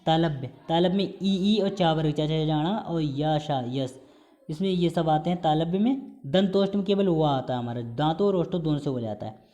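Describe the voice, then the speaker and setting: A man's voice: fairly high pitch, mellow. A man teaching a recorded exam-prep lesson as a Hindi teacher. He explains step by step, drags out sounds to show how they are pronounced, and mixes English terms into his talk. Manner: explanatory, drawn-out sounds to demonstrate pronunciation.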